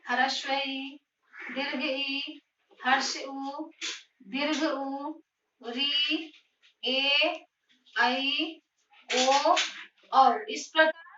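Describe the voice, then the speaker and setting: A woman teacher with a high, bright voice explains grammar slowly and deliberately, putting questions and then answering them. She sounds distant from the mic in a roomy space. The recording is dull and lo-fi. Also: a little hiss or hum. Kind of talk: classroom grammar lesson.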